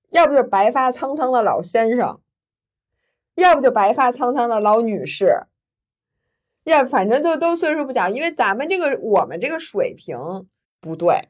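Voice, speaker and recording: A woman podcast host, telling a story in lively casual chat and laughing often. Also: a little high.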